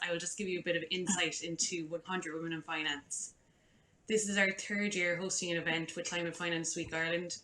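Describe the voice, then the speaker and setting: A woman's voice: on the low side, bright, forceful tone. A woman moderating an online panel, reading formal introductions from a script over a video call. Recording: roomy echo.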